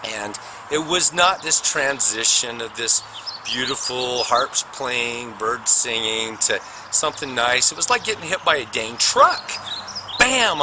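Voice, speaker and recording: A middle-aged man telling his own near-death story as a personal testimony, animated and dramatic, with spoken sound effects. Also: mid-range voice. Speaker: speaker recounting a near-death experience. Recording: noticeable background noise.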